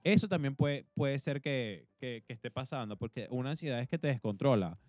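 A man's voice: mid-range voice, a little fast, no echo, soft background music. Talkative Venezuelan man, dry sound. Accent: Venezuelan Spanish. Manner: energetic, talkative. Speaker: podcast co-host. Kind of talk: casual chat.

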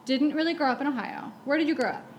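Young host, mid-twenties, higher voice, easy affirming interviewer, slight hiss. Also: female voice, quick pace. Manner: friendly, affirming, lots of "yeah" and "mm-hmm". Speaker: podcast host. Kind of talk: casual interview.

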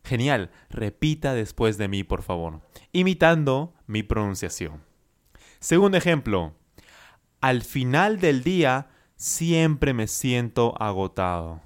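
Slow, clear-voiced male Spanish coach. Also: medium pitch, big pitch swings. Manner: slow, carefully enunciated teaching with encouraging praise. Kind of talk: language lesson with repeat-after-me drills.

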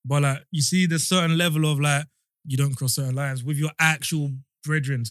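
A man's voice: a little high, fairly even intonation, moderate pace, a bit bright, no room sound, studio quality. A man in his mid-twenties with a London roadman accent, chatting casually in an emphatic, slangy way and repeating himself. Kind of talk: casual chat.

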